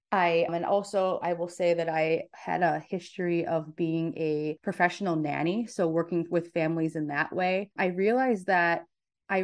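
Chatty woman, low voice. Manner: chatty, with frequent restarts. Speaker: podcast guest, sleep consultant. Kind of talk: casual interview chat.

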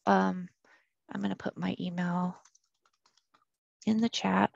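A woman working as a college success coach, introducing herself informally and haltingly over a video call. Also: on the low side, level tone, creaky, a little mellow, dry recording. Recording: slightly dull video-call audio.

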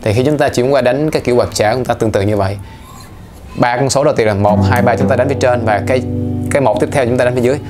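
A man's voice: medium pitch, rapid-fire. A man teaching guitar in a casual, playful way, counting the beats aloud as he explains. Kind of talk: casual instructional talk. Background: guitar playing.

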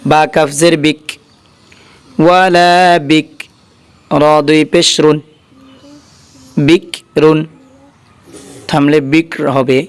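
A man's voice: on the high side, fairly even intonation, slow pace, long pauses, clean tone. A Bangladeshi man with a Bengali accent teaching Quran reading, spelling out syllables one by one and then chanting them together. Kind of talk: letter-by-letter Quran spelling lesson.

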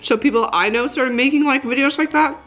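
A woman's voice: high voice, a little fast, fairly bright tone, lo-fi sound, faint music behind. A woman vlogger chatting casually and upbeat in her mom's craft room, full of "like" fillers and laughs. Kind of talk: casual vlog chat with a sponsored product segment.

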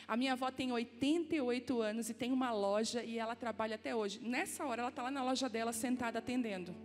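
A woman, preaching a sermon as personal stories full of asides to the audience. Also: a little high. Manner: storytelling, animated and personal, laughing asides to the audience. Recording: long hall reverb with soft music.

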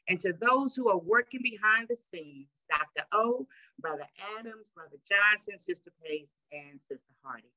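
Bright-voiced woman a sermon. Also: fairly high pitch, no room sound, muffled recording. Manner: call-and-response preaching, stretches words for emphasis. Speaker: pastor. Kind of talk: sermon with scripture reading. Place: church sanctuary.

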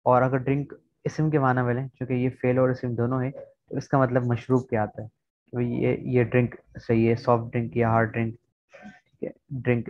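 A man teaching an online vocabulary lesson, explaining words one by one and often checking in with a quick "all right". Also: medium pitch, no room sound. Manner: explains word by word, often checking with "theek hai". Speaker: English teacher. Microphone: video call. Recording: dull, slightly lo-fi online call recording.

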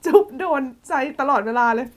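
A woman teaching English in a casual way, slowly explaining a song line by line, playfully flustered and giggly. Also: noisy background. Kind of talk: casual song translation lesson.

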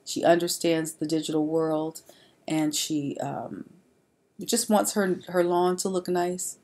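A woman's voice: on the low side, steady tone, takes it slowly, warm tone. A woman narrating a slide presentation in an informal way, with frequent fillers and restarts. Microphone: voice-over on slides.

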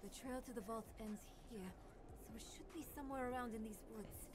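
A woman's voice: a little high, steady tone, fairly quick, noisy background, lightly acted. An actress voicing a worried woman lost in the woods in a video game, speaking in anxious, searching tones.

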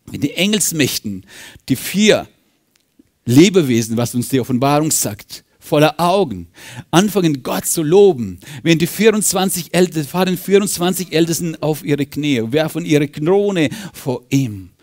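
A man preaching a sermon as pastor of a church, fervent, swinging from loud rises to hushed drops. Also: fairly high pitch, animated, normal speed. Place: church service.

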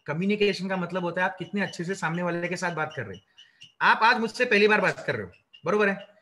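Bright high-voiced man lecturing students. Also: quick pace. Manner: lively, rhetorical questions, mixes English into Hindi. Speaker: career trainer.

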